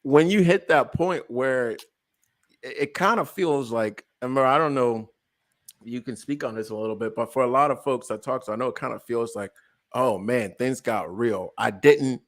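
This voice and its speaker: A man's voice: mid-range voice, measured pace. Joking, stammering man in his late twenties. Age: late 20s. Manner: animated and joking, stammers and restarts, laughs often. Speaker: podcast co-host. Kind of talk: casual chat.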